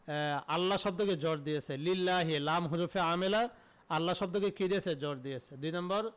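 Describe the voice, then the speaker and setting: A man teaches Arabic grammar online in a high, clear, smooth voice. He poses each question, answers it himself, and repeats the key terms.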